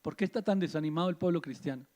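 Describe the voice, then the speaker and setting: A man's voice: a little high, rapid-fire, a little mellow. A man preaching a sermon as pastor, pressing the listener with rhetorical questions. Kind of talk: radio sermon.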